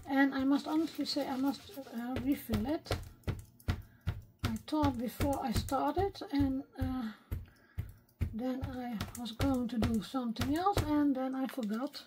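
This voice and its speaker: A woman talking quietly through her card making at a craft desk, thinking aloud and often half-whispering. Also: high-pitched, measured pace, noisy background. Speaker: craft video maker.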